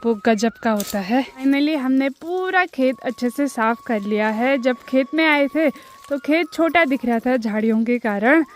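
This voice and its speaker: High-voiced woman chatting to viewers. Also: expressive, unhurried. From Uttarakhand hills, India. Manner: chatty, addresses viewers as friends and brother. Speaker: village lifestyle vlogger. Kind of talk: casual explanatory vlog chat. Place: outdoors in a hillside farm field.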